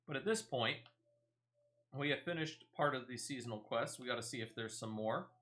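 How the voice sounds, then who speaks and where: While gaming on a live stream, a man chats casually with a viewer. His medium-pitched voice is moderately paced and a bit bright.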